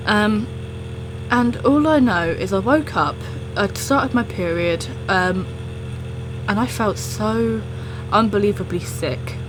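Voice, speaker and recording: A woman's voice: mid-range voice, slow, over music, low-quality recording. A young woman telling a personal story in a casual, rambling chat, often interrupting herself as she goes. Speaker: storytelling video creator.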